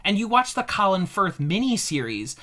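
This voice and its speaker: Guy on a movie podcast, really bright sharp voice, swears a ton, jokey and animated. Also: sits high, moderate pace. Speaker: podcast co-host. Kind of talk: casual film podcast chat.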